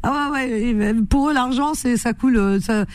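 Lively, teasing radio host woman. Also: fairly high pitch, moderate pace, no echo. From Algeria. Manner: lively, teasing, laughs a lot. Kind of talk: casual radio chat.

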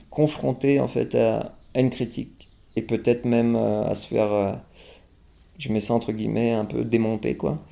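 A young man from France talks casually as an interview guest, his voice low in warmth and roughened with fry. He hesitates often, restarting his sentences and filling gaps. His tone stays relaxed and mellow throughout. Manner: hesitant, many fillers and restarts. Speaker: guest singer-songwriter.

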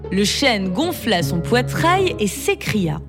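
A woman narrating a fable in an expressive storybook reading style. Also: mid-range voice, takes it slowly. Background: background music.

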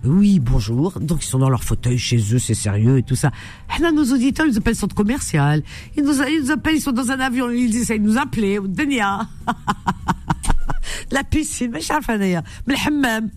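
Animated woman hosting call-in radio. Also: fairly high pitch, fast talker, faint music behind. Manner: animated, indignant and teasing. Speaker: radio host.

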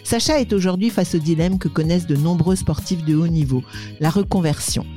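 Lowish-voiced woman podcast host. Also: mellow, soft background music. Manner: clear, measured presenter delivery. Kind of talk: scripted intro then interview.

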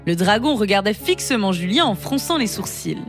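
A woman reading a children's story aloud in an expressive, lively way. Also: mid-range voice, moderate pace. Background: music.

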